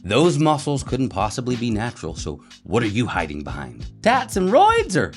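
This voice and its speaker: A man's voice: medium pitch, huge pitch swings, normal speed, faint music behind. A man hosting a podcast, giving mocking commentary with sarcastic, exaggerated swings. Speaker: podcast host.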